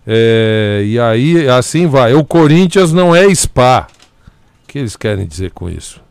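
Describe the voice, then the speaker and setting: A man's voice: mid-range voice, big pitch swings, a little slow, gravelly, clean tone, no room sound. A Brazilian man bantering about sport as a radio show regular, colloquial and blustering, often repeating himself.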